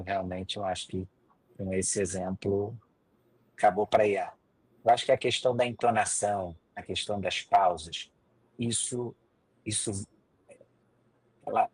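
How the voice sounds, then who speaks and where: A man's voice: fairly low pitch, breathy edge, no echo, poor audio. A man with a Brazilian Portuguese accent, hosting a casual talk and reflecting on his guest's point. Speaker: host. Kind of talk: casual chat.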